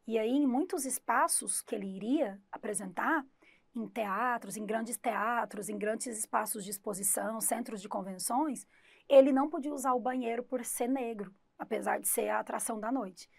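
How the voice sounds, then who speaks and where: A woman's voice: fairly high pitch, normal speed, vocal fry, no echo. A woman English teacher, giving an exam-prep class and explaining through rhetorical questions and retold examples.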